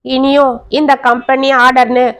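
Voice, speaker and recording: A woman's voice: high voice, level tone, a little slow, fairly bright tone. A woman voicing a worried young wife who pleads anxiously with her husband, in a storybook reading. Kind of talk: storybook narration.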